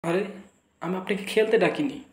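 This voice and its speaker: Exasperated guy playing a headmaster, voice a bit high, echoey room. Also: moderate pace, a little hiss or hum. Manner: exasperated, pleading. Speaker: school headmaster in comedy sketch. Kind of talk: comic sketch acting.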